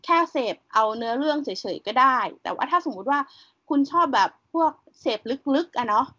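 Chatty woman host, slightly high voice. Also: expressive, fairly quick, bright, forceful tone. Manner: chatty, enthusiastic film recommendation. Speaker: podcast co-host. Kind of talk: casual chat. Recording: dull lo-fi sound.

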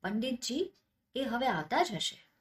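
A woman's voice: fairly high pitch, big pitch swings, unhurried, voice pushed up. Woman voicing a gracious humble king. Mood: courteous. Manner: polite, courteous.

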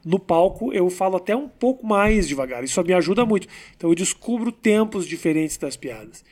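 A man, a comedian, chatting in a casual interview, talking slowly and deliberately with pauses. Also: high voice, big pitch swings, a little mellow.

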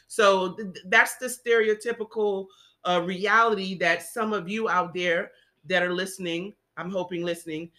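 A woman's voice: mid-range voice, steady tone, moderate pace, pushed and bright. A woman talking earnestly in a casual discussion, circling her point with frequent restarts and fillers. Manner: earnest, rambling with many restarts.

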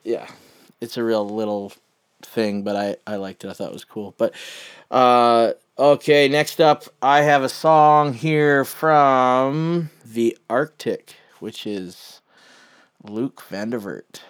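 Casual male music host, western Canadian accent, unhurried and halting, with a smooth, clear tone. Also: medium pitch. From Chilliwack, British Columbia, Canada. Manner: rambling, halting, trailing off. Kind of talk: casual music show commentary.

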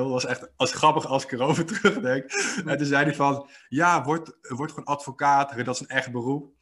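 A man hosting a podcast, telling stories in a lively, playful way and laughing often. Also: mid-range voice. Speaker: podcast host. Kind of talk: casual podcast conversation.

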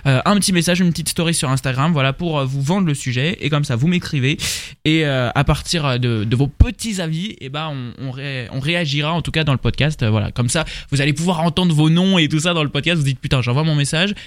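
Young man, podcast host, quick rambling delivery, slightly high voice, dry sound. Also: no echo. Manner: rambling, many fillers and restarts. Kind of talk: casual podcast chat.

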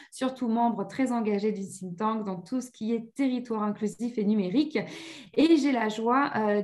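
A woman's voice: on the high side, darkish tone. A woman hosting a podcast interview, enthusiastic and chatty, with frequent hesitations. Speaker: podcast host. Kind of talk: hosted interview.

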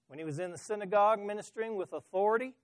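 High-voiced preacher, dry close sound. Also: male voice, racing, clean tone, dry recording. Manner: dramatic swings between loud emphasis and soft asides; asks the congregation questions. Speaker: pastor. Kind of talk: sermon.

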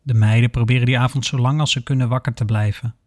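A man narrating a scripted horror story in a steady, measured way. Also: mid-range voice, no room sound, studio quality.

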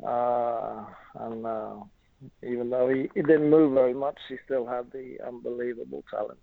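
This casual interview features a middle-aged former footballer from Norway, speaking with a Norwegian accent at a medium pitch in a steady, gravelly tone. He answers haltingly with lots of fillers, and the tinny phone line carries no echo.

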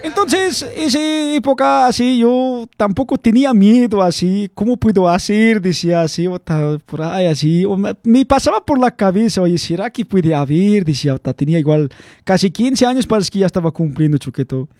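A man's voice: high-pitched, lively intonation, moderate pace, darkish tone, dry recording, studio quality. A young man rambling through a personal story, chuckling often and calling his listener by slang nicknames. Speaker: vlog host telling a story. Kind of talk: casual storytelling to camera.

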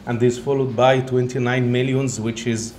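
A man's voice: mid-range voice, flat delivery, a little mellow. Egyptian-accented male lecturer in an echoey room. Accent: Egyptian, with some Italian. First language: Arabic. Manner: halting non-native English phrasing. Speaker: guest speaker, professor. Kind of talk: academic lecture to an audience. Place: indoor event room, talk being filmed. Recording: roomy echo, faint background noise.

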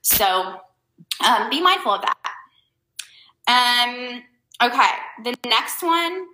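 Bright-voiced woman rambling casual advice. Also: on the high side, big pitch swings, slow pace, echoey room, poor audio. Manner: loose, rambling, heavy on fillers like "um" and "like". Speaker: host giving life advice. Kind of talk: casual advice talk to viewers.

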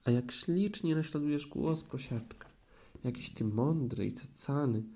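In a storybook reading, a man voices a mother kangaroo who is kindly yet firm, coaxing in a bossy-sweet, motherly way. His voice is mid-range, dark, slightly rough, and unhurried.

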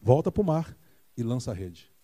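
A Brazilian man preaching a Sunday sermon in a church, retelling a Bible story and acting out the voices of the people in it with big jumps in pitch. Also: big pitch swings, moderate pace, mellow. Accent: Brazilian Portuguese. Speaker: pastor.

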